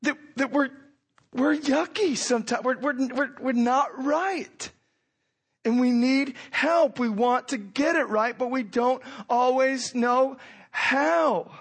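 A man giving an informal sermon as a pastor, conversational and repeating phrases for emphasis, his voice froggy and hoarse with a cold. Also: very high-pitched, fairly bright tone. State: hoarse from a cold, clearing throat. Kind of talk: sermon, informal teaching with scripture reading.

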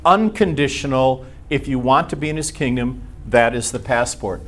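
A man's voice: mid-range voice, normal speed, fairly bright tone. A man with an American accent gives an informal teaching talk to a church group, conversationally asking rhetorical questions and acting out imagined reactions. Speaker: Bible class teacher.

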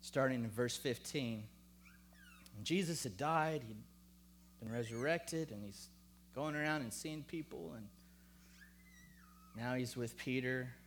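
A man preaching a sermon, emphatic and rhetorical, calling on the congregation, then lowering to a hushed voice when reading scripture. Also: unhurried, pauses often, a little hiss or hum. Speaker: pastor.

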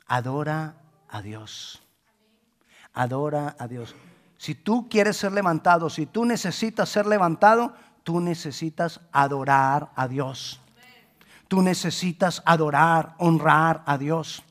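A man preaching a sermon, moving between hushed pleading and loud emphatic calls, and acting out the voices in the stories he tells. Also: a little high, expressive, takes it slowly. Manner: acts out quoted voices in storytelling. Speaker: pastor.

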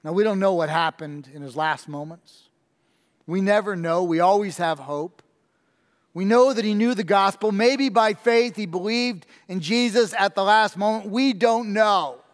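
A man preaching a sermon as pastor, telling a story earnestly and repeating his key points with slow emphasis. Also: sits high, long reverb tail.

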